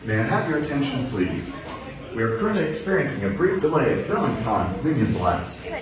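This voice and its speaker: A man making a formal, polite public address announcement, heard over a park loudspeaker intercom. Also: medium pitch, big pitch swings, brisk. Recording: echoey loudspeaker from far off, music behind.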